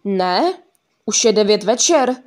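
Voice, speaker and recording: A woman's voice: mid-range voice, expressive, close to an everyday voice. A woman voicing Chota, a frightened teenage boy, in a panicky read. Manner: panicky, shouting refusal.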